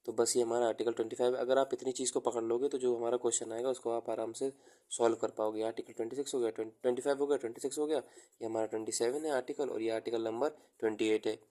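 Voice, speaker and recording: Man teaching slowly, flat mellow voice. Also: medium pitch. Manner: explains slowly, repeats key terms while writing them down; mixes Hindi with English terms. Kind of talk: exam-prep lecture.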